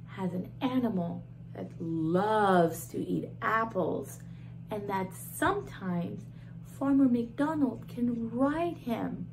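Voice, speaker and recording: Her voice sits high as she addresses toddlers in an animated, over-the-top manner full of gasps and questions. She's a woman in her thirties recorded at close range in a small room, with slight background noise.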